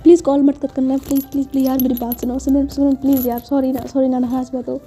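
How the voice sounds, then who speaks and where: A woman's voice: sits high, flat delivery, fast, dark tone, soft background music. A woman voicing a clingy, dramatic young woman who sulks and pleads with her partner in a spoken love story. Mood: pleading. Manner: pleading, melodramatic.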